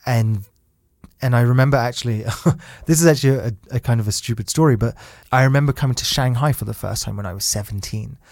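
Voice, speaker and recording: A man's voice: mid-range voice, fast, gravelly, a little mellow, no echo, studio quality. A man in his thirties chatting casually, laughing often and restarting his sentences. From United Kingdom. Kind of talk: casual conversation.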